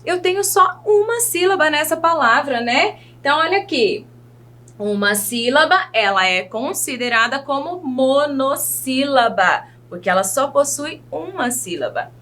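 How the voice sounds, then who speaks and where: A Brazilian woman teacher giving a children's video lesson, speaking in a slow, teacherly way and asking the children questions. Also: high-pitched, lively intonation, fairly bright tone. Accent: Brazilian Portuguese. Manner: slow, sing-song teacherly delivery, asks children questions.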